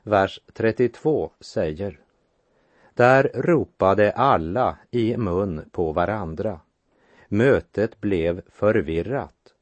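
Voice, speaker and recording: A man giving a measured sermon that explains Bible passages and reads verses aloud. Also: low voice, no room sound. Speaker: preacher. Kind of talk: radio sermon, Bible exposition.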